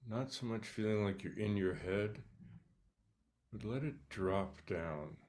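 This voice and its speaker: A man leading a guided meditation, speaking softly and calmly with long pauses between short instructions. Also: on the low side, slight background noise. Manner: slow, calm, soft-spoken instructions with pauses. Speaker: meditation teacher.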